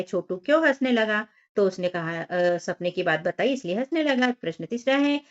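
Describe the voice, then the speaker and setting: A woman talks young children through a workbook, slowly sounding out syllables and coaxing them along. Her voice sits at a middle pitch. The recording sounds a little dull and lo-fi. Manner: patient, sounds out letters and syllables one by one; addresses children directly, gently instructive. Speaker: teacher.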